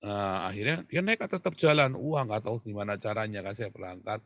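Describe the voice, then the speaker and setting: A man, a pastor telling stories in a conversational sermon that swings from quiet asides to loud emphasis. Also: fairly low pitch, fairly quick, dry recording.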